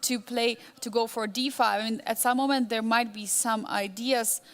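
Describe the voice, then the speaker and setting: A woman's voice: on the high side, steady tone, moderate pace, a bit bright. A woman doing live chess commentary, posing suspenseful questions and repeating phrases for emphasis.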